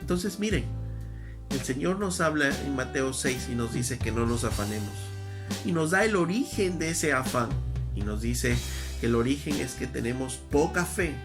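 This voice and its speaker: A man's voice: mid-range voice, animated, moderate pace, music in the background. A male pastor preaching a Sunday sermon, reading Scripture with emphasis and asking the congregation rhetorical questions.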